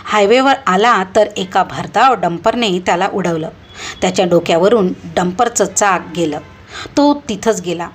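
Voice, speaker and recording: A woman's voice: medium pitch, a little slow, husky. A woman reading aloud, voicing a grieving young man who speaks hesitantly and apologetically. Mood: somber.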